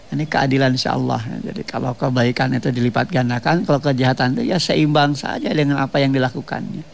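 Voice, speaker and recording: Gravelly-voiced man preaching a radio sermon. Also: medium pitch, fairly even intonation, a little hiss or hum. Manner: measured, explanatory, repeats phrases with tag questions. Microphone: radio studio microphone.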